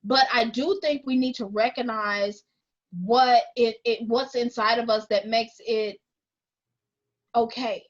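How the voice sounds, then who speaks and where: A woman co-hosting a podcast, arguing her points deliberately and repeating phrases to hold the floor in casual chat. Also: on the high side, steady tone, lo-fi sound. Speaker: podcast co-host.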